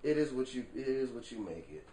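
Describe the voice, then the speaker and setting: Animated, cussing man in an echoey room. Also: medium pitch, a little fast. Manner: animated, rhetorical, swears freely, asks the viewer "right?". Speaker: vlogger. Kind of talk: casual vlog monologue. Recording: echoey room, far from the mic.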